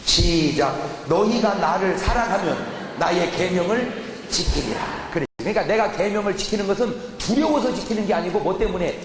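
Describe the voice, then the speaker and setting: A man preaching a sermon as a pastor, putting questions to the congregation and answering them himself, sometimes shouting in mock anger. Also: high-pitched, lively intonation, moderate pace. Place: large church hall. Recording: echoey church hall with room noise.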